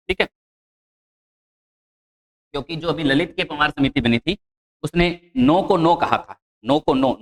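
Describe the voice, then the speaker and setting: A man's voice: fairly high pitch, a bit bright. Hindi-speaking male teacher drilling a class. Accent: Rajasthani Hindi. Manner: repeats key answers, asks and answers his own questions; lists place names in quick runs. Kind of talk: exam-prep geography lecture.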